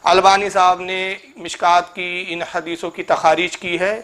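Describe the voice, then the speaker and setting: High-pitched guy preaching, scolding a rival cleric, mocking, chants the arabic verses. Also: level tone, a little slow, fairly bright tone. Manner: recites Arabic scripture in a chanting cadence. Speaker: Islamic preacher. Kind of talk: polemical religious talk.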